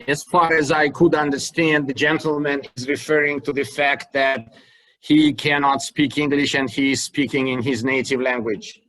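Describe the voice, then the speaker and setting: A man's voice: medium pitch, fairly even intonation, normal speed, fairly bright tone, poor audio. A man working as an interpreter, giving a careful, polite live translation voice-over of a signed statement on a video call. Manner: polite, careful, reporting speech in third person.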